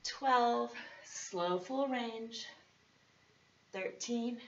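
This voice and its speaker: A woman leading instructional workout talk as a fitness coach, chatty and encouraging, with a hoarse voice that is partly lost. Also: on the high side, very slow, far from the mic. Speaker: fitness instructor and program host. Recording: dull, lo-fi sound.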